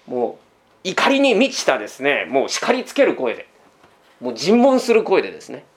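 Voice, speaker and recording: A man preaches a sermon in a chatty, conversational way. His voice sits high and swings widely as he asks the congregation one question after another. He keeps tacking a small "this" onto the ends of his sentences. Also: wildly swooping pitch, normal speed. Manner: tags sentences with a trailing "this". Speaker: pastor.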